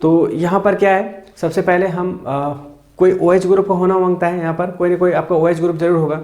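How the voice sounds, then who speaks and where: A man from India lectures on chemistry in a recorded class, with a somewhat high but mellow voice. He works through each step, asks his own questions and answers them. The sound is roomy and echoey. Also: fairly even intonation. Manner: slows down and spells out formulas while writing. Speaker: chemistry teacher.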